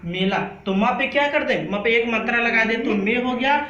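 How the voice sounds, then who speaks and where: A man's voice: extremely high pitch, moderate pace, echoey room, lo-fi sound, crowd noise. A man teaching a classroom lesson, repeating each sound and asking the class to say it back.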